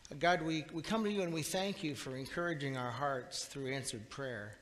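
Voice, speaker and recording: Middle-aged pastor, earnest halting prayer, mid voice, long church reverb from the back. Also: male voice, on the high side, a bit bright. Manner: earnest, halting with repeated words. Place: small church sanctuary, indoors. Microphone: far camera at the back of the church. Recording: reverberant church hall, faint room hiss.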